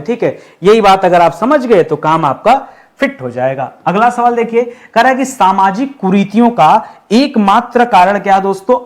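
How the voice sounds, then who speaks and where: Guy with a high voice teaching grammar, drags out words as he writes, asks himself stuff. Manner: repeats words slowly while writing, often asks and answers himself. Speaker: Hindi exam teacher. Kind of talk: classroom-style lesson.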